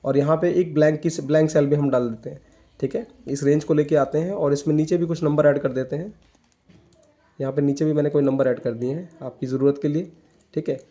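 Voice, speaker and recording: A computer tutor walks through a spreadsheet in a screen-recorded software tutorial. His voice is fairly high and dark in tone, steady and fairly quick, and he goes step by step, mixing English terms into his Hindi and often saying "ठीक है".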